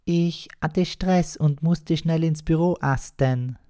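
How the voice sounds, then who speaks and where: A man's voice: a little high, slow, mellow, smooth, pitched above the performer's own voice. Man putting on a lisping young girlfriend. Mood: sheepish. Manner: lisping, sheepish. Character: young woman girlfriend with lisping speech defect.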